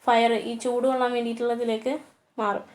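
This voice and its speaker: A woman teacher lecturing on a poem, slowing to a deliberate pace on the English lines and pausing on fillers as she explains. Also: fairly high pitch, little pitch movement, a little mellow. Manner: switches to slow, deliberate reading for English lines; hesitant, with many fillers. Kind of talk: poetry lecture.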